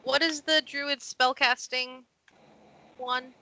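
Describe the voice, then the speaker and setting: A woman narrating as game master of a tabletop game, animated and quick with asides. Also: sits high, slight background noise, low-quality recording.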